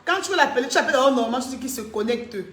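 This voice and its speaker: A woman's voice: sits high, animated, rapid-fire, a bit bright, reverberant. A woman, chatting casually on a live stream, reading comments and answering viewers, laughing often.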